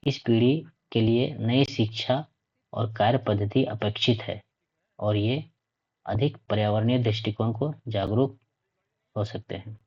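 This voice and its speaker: Husky Hindi-speaking man teaching a class. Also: lowish voice, unhurried. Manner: reads points aloud then explains, repeats 'ठीक है' often. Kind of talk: classroom lecture. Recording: dull lo-fi recording.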